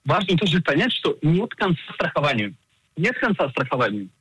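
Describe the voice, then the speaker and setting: Insurance agent guest, man in his forties, husky voice, dry close sound, measured explainer who hesitates often. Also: on the high side, sing-song, fairly bright tone, no room sound, low-quality recording. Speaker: insurance agent and financial planner. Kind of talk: radio interview, explaining insurance.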